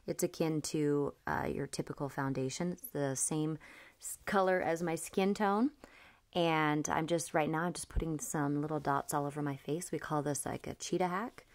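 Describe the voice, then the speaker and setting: A woman with a low voice talks through her makeup routine in an easy, step-by-step way. She is in her thirties and records on a phone held close inside a car. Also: normal speed. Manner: relaxed step-by-step explaining while applying makeup. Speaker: makeup vlogger. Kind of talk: casual makeup tutorial narration. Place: inside a parked car, daylight. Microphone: phone camera close up.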